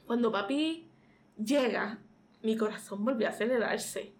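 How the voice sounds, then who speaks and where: A woman's voice: on the high side, measured pace. A young woman from Puerto Rico with a Puerto Rican accent tells an emotional personal story as an interview guest. She rambles with many fillers and re-enacts the dialogue. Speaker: interview guest, pastor's daughter. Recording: faint background noise.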